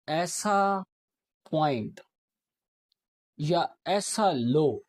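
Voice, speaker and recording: A man's voice: a little high, darkish tone, no room sound. Man teaching chart trading, quizzing himself. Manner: asks himself questions and answers them; explains while marking a chart. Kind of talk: casual explanatory lesson.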